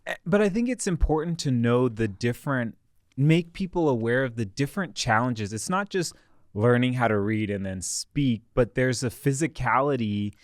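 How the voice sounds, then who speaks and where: A man's voice: medium pitch, lively intonation, moderate pace, no echo, clean studio sound. A man hosting an interview podcast, chatting in a friendly, encouraging way and laughing often. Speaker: podcast host. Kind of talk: casual interview talk.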